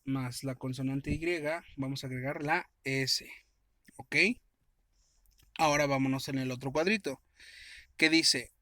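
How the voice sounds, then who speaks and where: With a bright, forceful voice pitched a little high for a man, he works through an English grammar lesson step by step. He frequently answers the very questions he poses to his listeners. The sound is dry and close, with no room sound.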